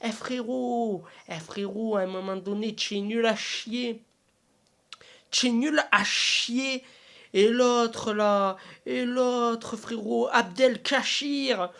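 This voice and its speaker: A woman's voice: a little high, takes it slowly, gravelly, hardly any pauses. A woman doing a comic, exasperated football rant, piling up repetitive slangy insults. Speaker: football fan vlogger. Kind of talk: comic angry match rant.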